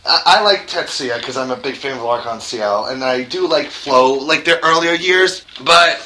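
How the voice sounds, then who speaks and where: A man's voice: mid-range voice, moderate pace, bright, forceful tone, a little hiss or hum, rough recording. A man co-hosting a podcast, chatting casually and laughing easily while reviewing a cartoon. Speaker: podcast co-host.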